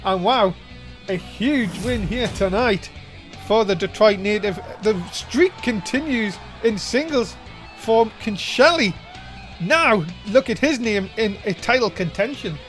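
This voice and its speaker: A man doing informal play-by-play as a wrestling commentator, given to drawn-out, excited calls. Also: sits high, soft background music. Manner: breaks into drawn-out excited shouts at big moves.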